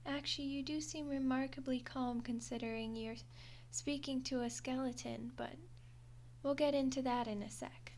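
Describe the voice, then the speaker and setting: A woman voices a skeleton girl, undead, friendly and awkward, speaking directly to the listener in an audio roleplay with a chatty, hesitant manner and a wry, defensive edge. The mood is friendly and sheepish. Her voice is high and a little mellow, with fairly even intonation at a moderate pace, and a little hiss or hum is audible.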